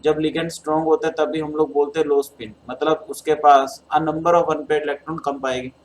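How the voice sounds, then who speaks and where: Working through a chemistry exam paper, a Hindi-accented man with a sore throat explains each step and calls his students beta. He speaks at a moderate pace with a fairly high pitch and a flat delivery. There's a little hiss or hum in the poor-quality audio.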